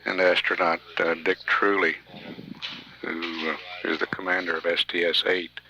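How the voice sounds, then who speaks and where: Deep, halting male mission control announcer. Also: little pitch movement, bright, forceful tone, lo-fi sound. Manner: halting, measured, pausing mid-sentence. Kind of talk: live mission commentary. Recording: faint radio hiss.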